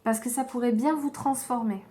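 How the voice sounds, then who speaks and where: A woman giving a slow, gentle tarot reading to viewers, tired and low on energy, with frequent hesitations. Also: steady tone. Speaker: tarot card reader.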